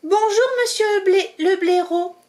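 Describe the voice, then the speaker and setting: A woman voicing an eager little female mouse in a storybook reading, with high excited exclamations. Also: measured pace.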